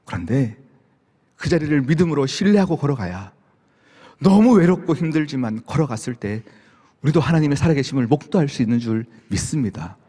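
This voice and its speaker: A man's voice: mid-range voice, animated, a little fast, dark tone, slightly rough. A man preaching as pastor at a dawn prayer service, acting out heartfelt questions to God in the first person. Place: church sanctuary. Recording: long hall reverb from the sanctuary.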